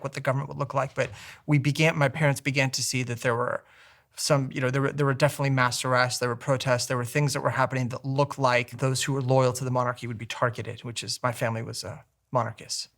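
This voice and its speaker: A man's voice: mid-range voice, flat delivery, fast, gravelly, a bit bright. Reflective man in his forties. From United States. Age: 40s. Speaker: interview guest. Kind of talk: personal storytelling in interview.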